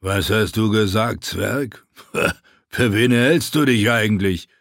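A man voicing a brutish, dim-witted male slave-soldier sergeant who speaks gruffly, slowly and with contempt, in an audiobook. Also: on the low side, fairly bright tone, dry recording, clean studio sound, full character voice. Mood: contemptuous.

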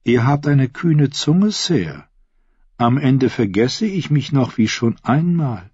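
Proud scheming queen, a male reader doing her voice, lifted pitch, husky and slow, dull dry recording. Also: big pitch swings, darkish tone, no echo, exaggerated voice. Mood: sly. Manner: cool, commanding, teasing.

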